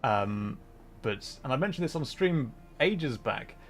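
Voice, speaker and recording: With soft music in the background, a man with a mid-range, animated voice talks unhurriedly while streaming a game. His casual livestream chat carries an apologetic, self-deprecating tone.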